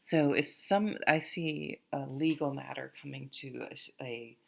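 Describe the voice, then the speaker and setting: A woman with a Vermont accent reading tarot casually to camera, halting and rambling as she thinks aloud. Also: rumbling low, vocal fry, a little mellow. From Vermont, USA. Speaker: tarot reader, host.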